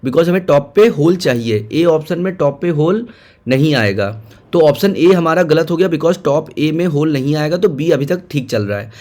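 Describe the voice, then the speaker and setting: Man explaining exam answers, slightly high. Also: expressive, moderate pace, darkish tone. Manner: mixes Hindi with English terms, repeats points. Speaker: teacher.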